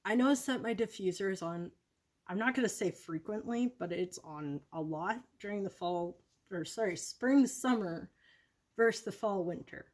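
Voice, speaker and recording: A woman's voice: mid-range voice, normal speed, a little mellow. A woman vlogging casually about her product predictions, rambling and correcting herself with many ums.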